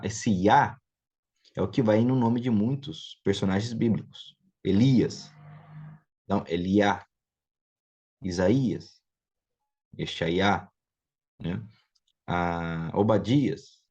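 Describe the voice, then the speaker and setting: A man's voice: lowish voice, warm tone, husky. A man with a Brazilian Portuguese accent giving an informal classroom lecture on biblical Hebrew, explaining step by step and often checking that his students follow. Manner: explanatory, checks understanding with frequent tag questions. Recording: dull lo-fi recording.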